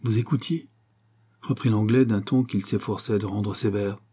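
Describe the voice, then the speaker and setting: A man reading a romance novel aloud as an audiobook narrator, in a measured literary manner. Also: on the low side, fairly even intonation, mellow, breathy edge.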